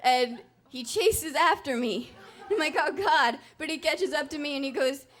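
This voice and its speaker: A woman's voice: high voice, expressive, normal speed. Wry young woman telling a live story. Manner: candid, wry and self-mocking. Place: stage at a live story event.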